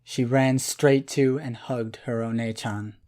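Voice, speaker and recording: A man narrating a children's storybook in a calm, even voice. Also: medium pitch, slow pace.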